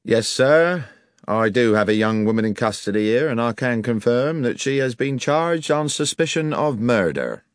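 A man acts out a police sergeant in an audiobook. He is pompous, smug and insinuating, with wordy, grudging politeness. His intonation is very animated and the recording is dry. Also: mid-range voice, normal speed, dry recording, voice pushed up, lightly acted. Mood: smug, officious.

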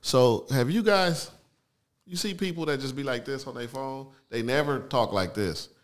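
A man's voice: medium pitch, moderate pace. A man co-hosting a podcast in casual, teasing banter, telling playful stories. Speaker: co-host.

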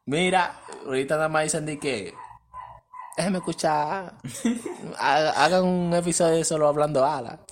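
A man, co-hosting a podcast, telling a story in animated, laughing, slangy casual chat. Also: fairly high pitch, measured pace, a little hiss or hum. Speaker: podcast co-host.

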